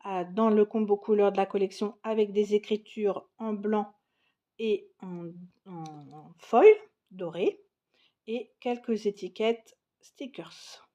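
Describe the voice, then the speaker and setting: A woman's voice: medium pitch, takes it slowly, warm tone, highs cut off. A woman casually showing scrapbooking supplies on camera, chatty and enthusiastic, with frequent fillers and restarts. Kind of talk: casual product show-and-tell.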